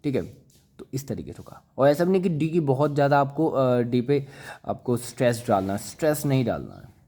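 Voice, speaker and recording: A man's voice: medium pitch, very animated, a little fast, warm tone. A male teacher giving a classroom lecture. He repeats each word and quizzes his listeners with questions, coaxing them along and calling them brother and child. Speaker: English vocabulary teacher.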